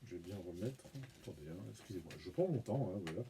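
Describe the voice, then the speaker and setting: A man hosting his own channel, talking through an unboxing in a relaxed, rambling, self-mocking way, humming and muttering as he handles things. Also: low voice, quick pace, noisy background. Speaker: video channel host. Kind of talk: casual unboxing commentary.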